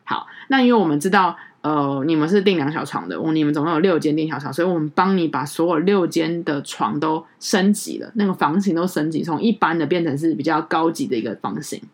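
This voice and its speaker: A woman co-hosting a podcast in casual chat, telling a story in an animated way and acting out what others said. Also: deep voice, a little fast, few pauses. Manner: animated storyteller, acts out quoted people. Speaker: podcast co-host.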